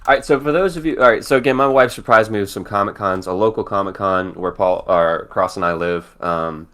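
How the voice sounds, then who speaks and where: A laid-back American man talks in a casual podcast chat with a deep voice. He speaks in a halting way, stopping and restarting with plenty of fillers. He sounds relaxed throughout. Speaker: podcast co-host.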